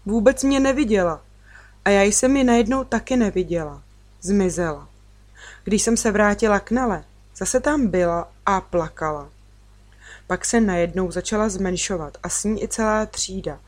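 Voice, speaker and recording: Woman gently reading a children's story. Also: mid-range voice. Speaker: audiobook reader. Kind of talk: storytelling narration of a children's book.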